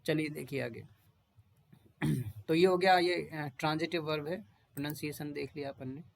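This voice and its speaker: Male English tutor, slightly high voice, slow repetitive pronunciation drills, chatty asides. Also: steady tone, creaky. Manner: repeats each word several times, reads English definitions slowly; homely, conversational asides to students. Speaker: English teacher. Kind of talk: explaining vocabulary and drilling pronunciation.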